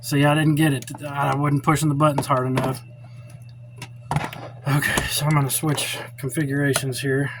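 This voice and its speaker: Filmed on a cell phone that's either held or set up, this noisy clip has a middle-aged man demonstrating something as a radio hobbyist, unscripted and informal. He talks in a mid-range voice with little pitch movement at normal speed, and his manner is plainspoken, blunt and opinionated.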